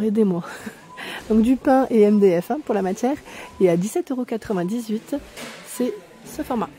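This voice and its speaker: A woman filming herself as she walks through a discount store, reading out prices and pausing now and then to check the labels. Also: fairly high pitch, dark tone. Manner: chatty, pauses to check labels, reads prices aloud. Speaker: vlogger touring a discount store. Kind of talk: casual store-walk commentary. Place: inside a large retail store.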